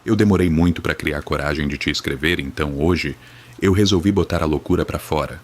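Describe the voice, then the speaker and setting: A man's voice: extremely low pitch, a little fast. A Brazilian man reading a first-person horror story in a somber, dramatic, grave manner.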